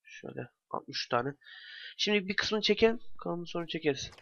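A man's voice: sits high, expressive, a little fast, a bit bright. Chatty young man muttering while gaming. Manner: chatty, mutters to himself, bursts of exasperation. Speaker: gamer commentator. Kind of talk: casual let's play commentary. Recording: dry, dull lo-fi home mic.

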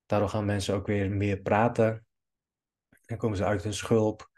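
A man's voice: fairly low pitch, little pitch movement, normal speed, a little mellow. A man giving a video editing tutorial, talking in long rambling asides while he clicks through cuts at his computer. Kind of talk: screen-recorded editing tutorial commentary.

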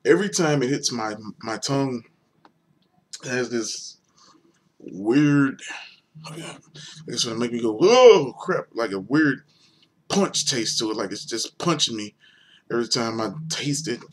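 A man's voice: mid-range voice, a little slow, long pauses. A young man giving a casual, rambling beer review on video, hesitant and full of fillers.

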